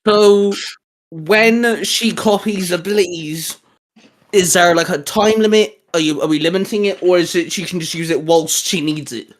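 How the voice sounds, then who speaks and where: This man co-hosts a fan discussion show, keeping the geeky group conversation jokey and informal. His voice sits high, his pace is moderate, and he often probes with questions.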